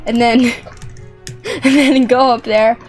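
Speaking slowly in a fairly even, high-leaning voice, this young adult woman hosts a lighthearted gaming video. Her delivery is giggly and exclamatory, with frequent repeated phrases, against background music in a small room decorated with plush toys.

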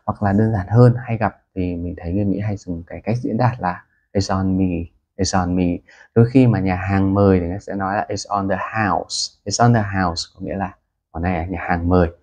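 Guy teaching english phrases, lowish voice, says them slow and repeats. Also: fairly even intonation, warm tone, lo-fi sound. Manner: explains in Vietnamese, repeats English phrases slowly. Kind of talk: casual spoken lesson with example phrases.

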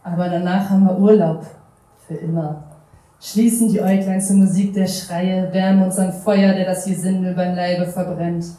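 A woman's voice: fairly low pitch, level tone, normal speed, mellow, close to an everyday voice. A woman voicing a cruel doorkeeper of hell who relishes the suffering, at a live reading. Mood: gleeful. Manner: relishing, sadistic. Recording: echoey hall recorded from far off.

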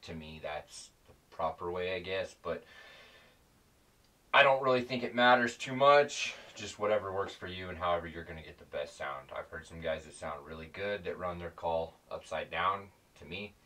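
A predator calling instructor with a very low voice gives a casual how-to, rambling in plain language and circling back to restart and correct his sentences. His voice sounds pushed and bright, and he's set back from a distant mic.

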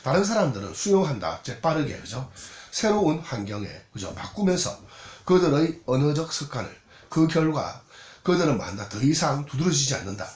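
A man's voice: on the high side, very animated, moderate pace, a little mellow. A man with a Gyeongsang Korean accent giving a recorded exam lecture, checking in constantly with rhetorical questions. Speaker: English exam tutor. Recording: roomy echo, faint noise, clicks.

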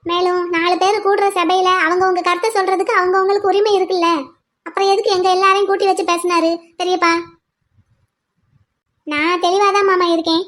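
A woman's voice: very high-pitched, level tone, a little fast, fairly bright tone. A woman voicing a bold, outspoken young woman law student in a cartoon, arguing firmly point by point. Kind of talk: cartoon voice acting.

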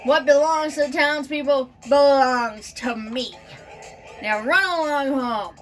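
A woman's voice: high voice, slow pace, fairly bright tone. A woman voicing a greedy, bossy but cowardly male genie from a video game in a blustering, theatrical way. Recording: far from the mic, game music.

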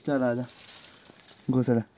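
A man's voice: mid-range voice, little pitch movement, takes it slowly. A young man inside a rock cave, brashly coaxing and teasing his friend to come in, picked up on a phone camera. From India. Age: young adult. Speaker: vlogger's friend. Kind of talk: casual banter. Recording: noisy cave phone recording.

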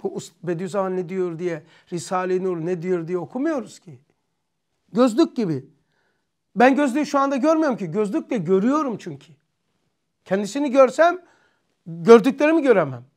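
A man's voice: sits high, lively intonation, a little fast, darkish tone. A Turkish-accented man teaching an informal religious study class, thinking aloud and asking himself questions.

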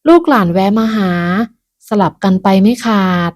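A woman narrating a moral folk tale in a measured, even storytelling manner. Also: medium pitch.

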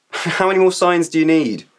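A man's voice: a little high, animated, a little slow. An actor playing an exasperated, sarcastic young man in a sitcom. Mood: warning. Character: Tony, exasperated young man, Darren's best mate. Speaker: supporting character in comedy series. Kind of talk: sitcom acting.

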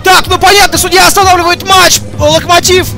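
A man working as a wrestling commentator, calling the action live with shouty, exclamatory excitement. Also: very high voice, a little fast, vocal fry. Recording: loud crowd and music at outdoor event.

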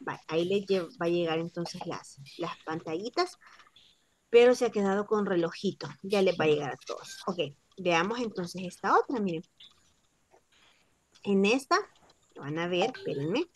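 A woman teaching a French class online, speaking slowly and repeating each word to model its pronunciation. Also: fairly low pitch, animated, a little hiss or hum.

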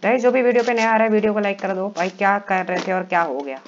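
Guy yelling through his game commentary, dull lo-fi sound with lots of noise. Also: high-pitched, fast talker. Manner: excitable, yelling and pleading in bursts. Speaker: gaming vlogger. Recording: lo-fi with steady background noise.

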